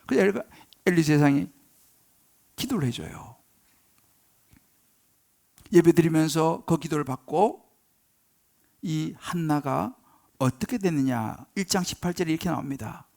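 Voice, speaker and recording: A middle-aged male pastor preaching a sermon in an animated way, acting out quoted voices and swinging from loud exclamations to hushed asides. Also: on the high side, unhurried, vocal fry, long pauses.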